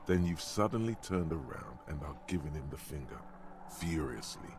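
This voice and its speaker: A booming sardonic game narrator. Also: male voice, animated, moderate pace. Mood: wry. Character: deep-voiced male narrator of a detective game, omniscient and sardonic. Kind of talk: dramatic scripted narration. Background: loud game music.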